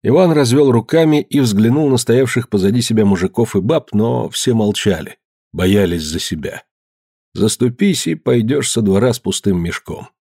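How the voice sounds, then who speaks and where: A man reading a novel aloud in measured scripted narration. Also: on the low side, slightly rough, no echo, clean studio sound. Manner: measured, even storytelling. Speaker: audiobook reader.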